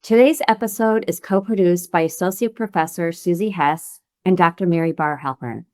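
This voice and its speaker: A woman's voice: on the low side, normal speed, a little mellow, dry recording. A woman co-hosting a podcast, effusive and grateful as she reads closing credits. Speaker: podcast co-host.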